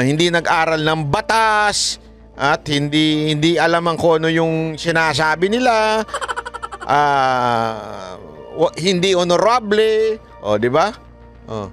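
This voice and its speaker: A man giving sarcastic, mocking political commentary in a casual vlog, often laughing and asking his viewers questions, with music playing underneath. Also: high voice.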